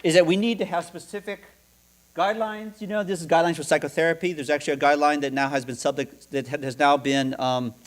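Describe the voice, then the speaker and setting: A middle-aged man giving a conference talk in a seminar room, often pausing and repeating words and putting questions to the audience. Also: on the high side, fairly even intonation. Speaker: seminar speaker.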